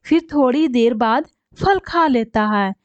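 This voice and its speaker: A woman's voice: fairly high pitch, lively intonation, measured pace, no echo, highs cut off. A woman narrating a cartoon story in a plain storytelling manner.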